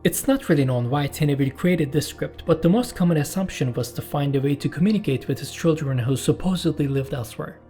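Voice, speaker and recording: Faint music sits behind a channel host and narrator delivering a scripted documentary in a mellow, slightly high voice. A native Turkish speaker, he explains things in a measured way and adds personal asides.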